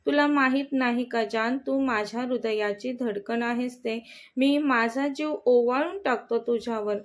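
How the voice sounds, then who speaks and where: A woman voicing a young man in love, speaking softly and reassuringly in a storybook reading. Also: a little high, unhurried, lightly acted. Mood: tender, reassuring.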